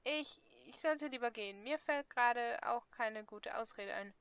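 A woman's voice: fairly high pitch, normal speed, a bit bright, clean tone, no room sound. A woman voicing a shy, flustered schoolgirl heroine from a dating game, nervous and defensive.

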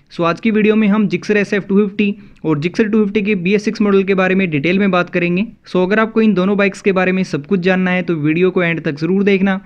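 An Indian man with a high voice hosts a scripted motovlog, calling his viewers friends. His voice-over sounds dull and slightly lo-fi.

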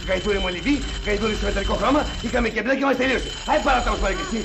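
An actor playing a grumpy village husband who rants sarcastically and yells insults. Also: male voice, high voice, vocal fry, background noise. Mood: ranting. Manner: ranting, sarcastic, yelling insults.

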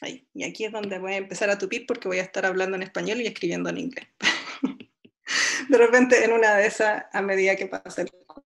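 In a mid-range voice with vocal fry, a young woman with a Chilean Spanish accent lectures on physics over a video call. Her delivery is chatty and self-mocking, crowded with fillers and false starts. She's indoors in a home room, recorded through a laptop webcam.

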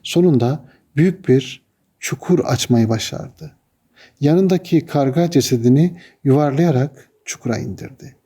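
A man tells an old religious story in a measured, solemn way. His voice sits at a middling pitch and sounds warm and relaxed. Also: slightly rough. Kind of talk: narrating a religious tale.

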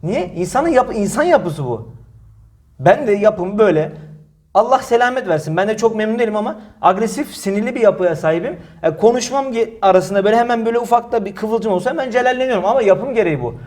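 A young man preaching in a mosque, answering a critic forcefully, with many rhetorical questions and repeated phrases. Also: high voice, expressive, fast talker. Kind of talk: heated religious talk, defensive.

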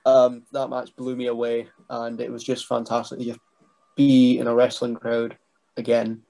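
Brief: young guy, gravelly fry, hesitant, webcam mic in a small bedroom. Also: medium pitch, monotone, normal speed. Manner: soft-spoken, hesitant with many restarts. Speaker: guest, wrestling writer and trainee. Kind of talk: casual interview over video call. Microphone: webcam mic on video call.

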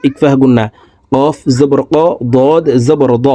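A man teaching Quran recitation, spelling out syllables slowly and explaining pronunciation rules to viewers. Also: medium pitch, fairly even intonation, mellow, no echo. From Bangladesh. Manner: slow melodic chanted recitation.

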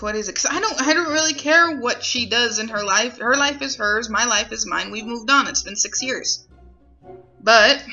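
A woman talking to camera, indignant, with halting restarts. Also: medium pitch, gravelly, sharp tone, highs cut off. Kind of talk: casual talk to camera.

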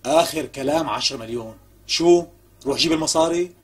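A man's voice: fairly high pitch, fast, slightly rough. An actor with a Syrian accent playing a persistent, coaxing man who makes ever bigger offers in a TV comedy. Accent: Syrian Arabic. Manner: coaxing, wheedling, insistent. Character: smooth, pushy man bargaining hard. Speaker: persistent visitor. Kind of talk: TV comedy acting.

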